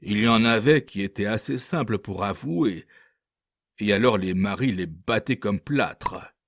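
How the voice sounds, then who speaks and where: Guy doing a smug sneering ship interpreter, low voice, slow mocking storybook telling. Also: dry recording, clean studio sound. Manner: lively mocking anecdote-telling. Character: boastful male ship's interpreter, scornful storyteller.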